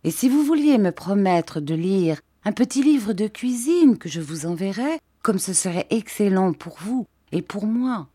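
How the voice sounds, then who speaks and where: Woman reading an earnest young man in love, gentle, coaxing, low mellow voice. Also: animated, a little slow, no room sound, clean studio sound. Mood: tender.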